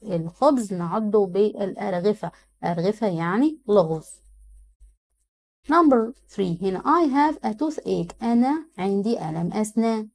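A woman's voice: medium pitch, darkish tone. Egyptian woman teaching English grammar. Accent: Egyptian Arabic. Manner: reads English options slowly, then explains in Egyptian Arabic. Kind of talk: exam answer walkthrough.

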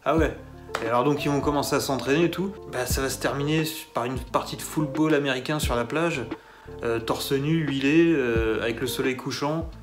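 A man's voice: mid-range voice, moderate pace, music in the background. A man giving a casual solo film review, sarcastic and mocking as he rambles along.

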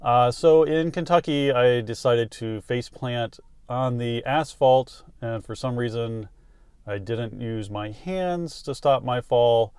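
An enthusiastic man in his thirties from the American South, hosting a road-trip vlog from behind the wheel. He talks straight into a dashboard camera in a mid-pitched voice. The sound is dry and close, with no room echo. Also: takes it slowly, darkish tone, smooth. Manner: enthusiastic, talking straight to camera while driving. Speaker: travel vlog host. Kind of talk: upbeat vlog narration. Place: inside a car.

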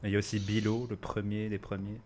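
Excitable streamer swearing loudly. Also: male voice, lowish voice, fast talker, a little hiss or hum. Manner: excitable, swears a lot, shouts when laughing. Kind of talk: live gameplay stream chat.

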